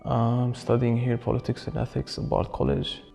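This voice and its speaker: A man's voice: mid-range voice, completely flat delivery, moderate pace, vocal fry, mellow. A man in his early twenties, raised in Syria, speaking thoughtfully in an interview and searching for his words. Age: early 20s. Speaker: student interviewee. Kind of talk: reflective documentary interview. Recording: reverberant space with faint music.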